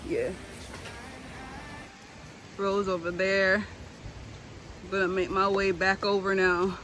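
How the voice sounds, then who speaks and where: A woman's voice: medium pitch, flat delivery, takes it slowly, fairly bright tone, slight background noise. A woman hosting a casual vlog outdoors, chattily talking straight to her viewers. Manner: chatty, addresses viewers as guys. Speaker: vlog host. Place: outdoors by a river.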